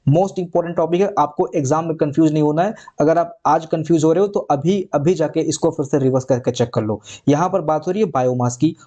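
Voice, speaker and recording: A male teacher walks students through an exam prep lesson, returning to each point and checking in with them often. His voice sits a little high but sounds mellow and soft. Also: fairly quick, hardly any pauses. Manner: repeats points, checks with "ठीक है". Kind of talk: online exam lecture.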